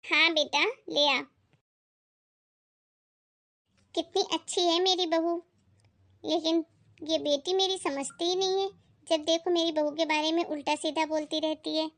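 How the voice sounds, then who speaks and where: A woman voicing a patient, doting older mother-in-law in an animated family skit, speaking in a soothing way. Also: extremely high pitch, moderate pace. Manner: soothing, calming her angry daughter.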